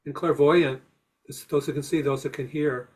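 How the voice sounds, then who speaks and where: A man's voice: a little high, fairly even intonation, normal speed. A man hosting a spiritual podcast chat, speaking in a reassuring, encouraging way with frequent hesitant restarts. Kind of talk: casual spiritual discussion.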